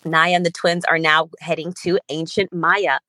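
Her delivery is flat and her voice low, yet this young German children's book author answers a podcast's interview questions with earnest, flowing enthusiasm. She speaks as a guest at a moderate pace, pushed and bright, with no room sound.

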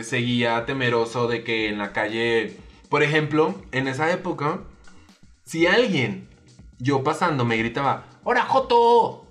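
A young man with a Mexican Spanish accent hosting a casual chat, telling his story in a lively way and laughing often. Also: medium pitch. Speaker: host.

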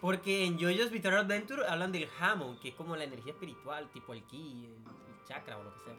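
A man's voice: on the high side, fairly quick, bright, forceful tone. Young guy chatting on a podcast. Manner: loose slangy chat, trails off into asides. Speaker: podcast co-host. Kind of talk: casual podcast chat. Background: faint background music.

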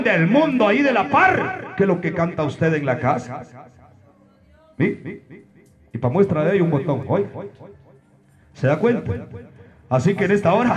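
High, lively preacher man shouting. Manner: emphatic, preaching with rhetorical questions and sudden shouts. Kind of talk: sermon. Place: church service with a congregation. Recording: live church recording with congregation noise.

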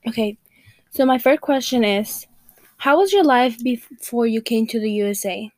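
A teenage girl hosts a student podcast, reading the introduction and then asking questions packed with "like" fillers. Her voice sits on the high side with a darkish tone, at a moderate pace, and the recording has no echo.

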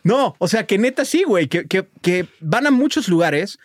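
A man's voice: high voice, big pitch swings, moderate pace, no echo, clean studio sound. A man with a Mexican accent co-hosting a casual podcast chat, opinionated and swearing freely. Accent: Mexican Spanish. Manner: opinionated, profane, repeats words. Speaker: podcast co-host.

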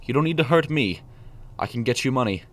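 A man voicing a nervous, frightened gentleman who speaks in a wavering, stammering tone. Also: mid-range voice, expressive, brisk, pitched above the performer's own voice, close to an everyday voice. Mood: pleading.

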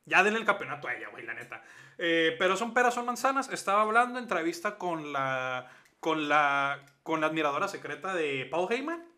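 A man's voice: on the high side, fairly quick. A man co-hosting a wrestling podcast, chatting casually and joking around, sometimes switching into English. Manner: joking, animated, mixes in English. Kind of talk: casual chat.

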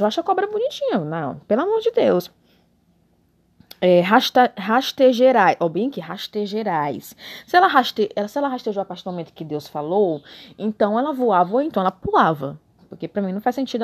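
A tipsy woman reads the Bible aloud and mocks it in a casual, comedic way, swearing and drawling sarcastically. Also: mid-range voice. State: tipsy from beer. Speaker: comic commentator reading the Bible.

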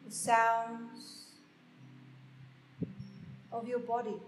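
Soft, hushed woman guiding meditation, roomy echo. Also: a little high, completely flat delivery. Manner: soft, hushed, unhurried delivery with long pauses. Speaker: podcast host and meditation guide. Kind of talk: slow guided meditation. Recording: roomy, echoing sound with faint music.

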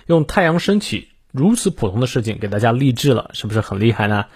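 A man teaching an English reading lesson, explaining in Chinese and reading English sentences slowly and carefully. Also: mid-range voice, sing-song, breathy edge. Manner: slow careful English read-aloud.

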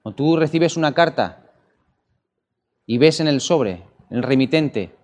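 A man preaching a sermon, animated and full of rhetorical questions to his listeners. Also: on the high side, a little slow. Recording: long church-hall reverb.

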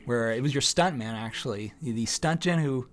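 A man's voice: mid-range voice, moderate pace. A man giving casual, joking commentary as a film's director, with self-deprecating humour.

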